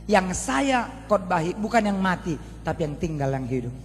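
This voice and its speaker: A high-pitched man preaching to a large congregation, animated and theatrical, breaking into shouted lines. His voice rings with long reverb in a big hall, and faint music sits underneath. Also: moderate pace. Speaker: pastor. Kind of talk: sermon.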